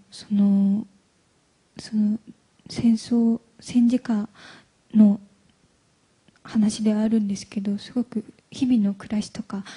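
A young woman from Hyogo, a guest actress speaking softly and hesitantly in a live stage interview. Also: medium pitch, breathy edge. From Hyogo, Japan. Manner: soft-spoken, hesitant, halting. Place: event hall stage.

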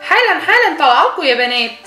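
A woman's voice: sits high, sing-song, fast talker, pushed and bright, soft background music, exaggerated voice. A woman doing a soothing Egyptian mother doll. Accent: Egyptian Arabic. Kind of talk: doll play acting. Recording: echoey room.

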